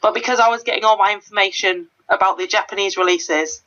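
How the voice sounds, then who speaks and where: A woman's voice: mid-range voice, fast, fairly bright tone. Chatty, playful woman. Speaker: co-commentator guest. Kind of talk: casual gameplay chat. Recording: dull lo-fi recording.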